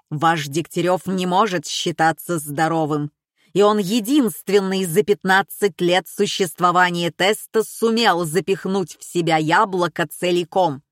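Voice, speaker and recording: A woman's voice: on the low side, no echo, studio quality, lightly acted. A woman reading a pedantic lecturing male expert. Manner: lecturing, precise.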